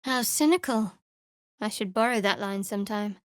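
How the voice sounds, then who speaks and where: In a studio-quality recording with no room sound, a medium-pitched actress lightly performs a young woman cleric, guarded and devout, who serves a dark goddess in a fantasy game. Her delivery is measured and wry, the mood dry.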